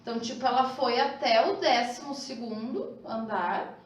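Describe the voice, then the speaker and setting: Woman, thirties, rambly with lots of fillers, bit high voice, really echoey room from far off. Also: normal speed. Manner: hesitant, rambling, many fillers. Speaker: class participant sharing a testimony. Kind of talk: personal testimony. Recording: very echoey room, distant mic, faint noise.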